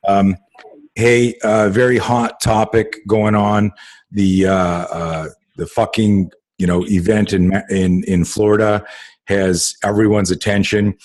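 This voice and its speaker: A man's voice: on the low side, level tone, a little slow, darkish tone. A man hosting a casual group call, rambling with many fillers and swearing freely. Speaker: podcast host.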